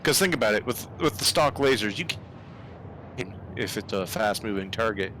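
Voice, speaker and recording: Man, low voice, halting gamer chat, mic cutting in and out, uneven volume, faint background noise. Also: lively intonation, sharp tone. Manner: halting, with many fillers. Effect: mic gating cuts words in and out, uneven volume. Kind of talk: casual voice chat.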